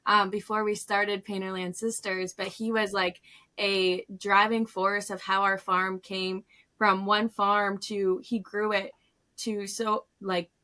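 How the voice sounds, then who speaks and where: A woman's voice: mid-range voice, little pitch movement, takes it slowly, sharp tone. An American woman from Northern Pennsylvania telling stories in an earnest, reflective way as an interview guest. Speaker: guest, farm business co-founder. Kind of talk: casual interview storytelling.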